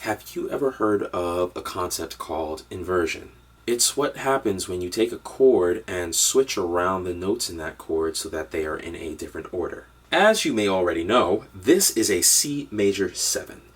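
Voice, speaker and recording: A man's voice: deep voice, expressive, moderate pace, breathy edge, distant mic. A man giving an upbeat, direct online lesson on piano harmony. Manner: upbeat, direct instructional delivery. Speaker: music teacher.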